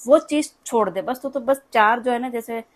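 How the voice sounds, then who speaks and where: Woman, 30s, patient chatty home tutor, slightly high voice. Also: normal speed. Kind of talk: casual home lesson.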